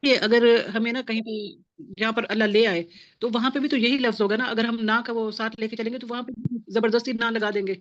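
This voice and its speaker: A woman's voice: fairly high pitch, steady tone, no room sound. Persistent woman questioning on a call. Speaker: class student. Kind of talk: questioning in online class. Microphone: video call. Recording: dry muffled call audio.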